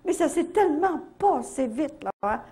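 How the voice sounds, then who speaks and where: An older woman with a Canadian French accent telling a faith testimony at a retreat, in a lively storytelling manner full of little verbal tags. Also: high-pitched, normal speed. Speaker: retreat speaker.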